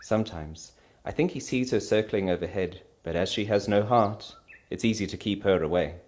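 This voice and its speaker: A man voices an impassioned storybook wife in a dramatic reading, his pitch fairly low, his pace moderate and his tone a little mellow, with light acting. Proud and defiant through her anguish, she speaks emphatically and her voice trembles with feeling as she stands up for the husband she loves. The mood is bitter and yearning.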